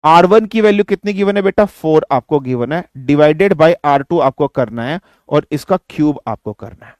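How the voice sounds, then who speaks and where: A man teaching physics in an online exam-prep lecture, mixing Hindi and English, asking and answering his own questions and slowing down to dictate definitions. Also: a little high, animated, dry recording, clean studio sound. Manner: slows down to dictate definitions word by word.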